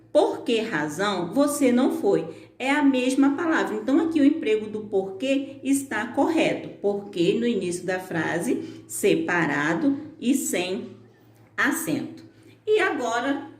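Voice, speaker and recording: A Brazilian woman teaching a remote lesson to young children, her voice pitched a little high. She explains step by step in a patient way and fills her pauses. The sound is echoey, as if recorded in a bare room on a phone. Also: a little mellow. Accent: Brazilian Portuguese. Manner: patient, explanatory, frequent fillers like "né". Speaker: primary school teacher.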